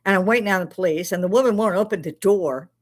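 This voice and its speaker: This older woman from Chicago talks fast in a medium-pitched voice with a Chicago accent. Hosting a live stream, she swears freely, laughs a lot, and tells meandering anecdotes in a casual storytelling chat.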